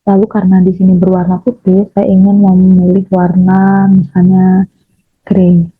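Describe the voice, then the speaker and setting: A young woman from Indonesia, a chemistry education student, walking through a software tutorial with frequent fillers. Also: on the low side, monotone, measured pace, dry recording. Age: young adult. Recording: raspy phone-like lo-fi audio.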